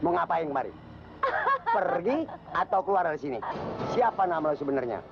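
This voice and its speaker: A man's voice: a little high, very animated, brisk, creaky, loud music behind the voice. An actor playing a blustering comic foreman with a Betawi Jakarta accent who acts as an exorcist in a horror film. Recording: dull lo-fi film sound, loud noise.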